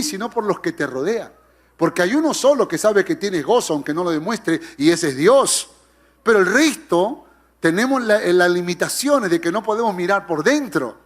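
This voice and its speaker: A middle-aged male pastor preaching a sermon, asking the congregation questions and acting out the voices he quotes. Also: sits high. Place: church.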